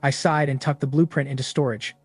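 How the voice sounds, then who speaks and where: A man narrating a story recap in the first person, in a steady, matter-of-fact way. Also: medium pitch, fairly quick, husky.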